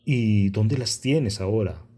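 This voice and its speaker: A stern, commanding leader presses a man for the truth, as a narrator voices him. The voice is low and husky, spoken slowly in an audiobook reading. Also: expressive, warm tone. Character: stern male leader interrogating a thief.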